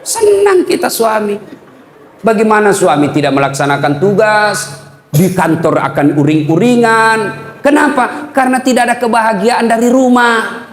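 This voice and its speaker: High-voiced preacher. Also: male voice, normal speed. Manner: animated, addresses the audience directly and acts out quotes. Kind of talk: humorous sermon. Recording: echoey hall, faint background noise.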